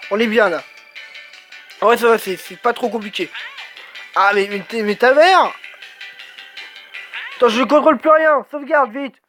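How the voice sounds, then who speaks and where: Swearing gamer man, excitable commentary. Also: extremely high pitch, moderate pace, long pauses, faint music behind. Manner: swears a lot, excited exclamations, talks to himself. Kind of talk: let's play commentary.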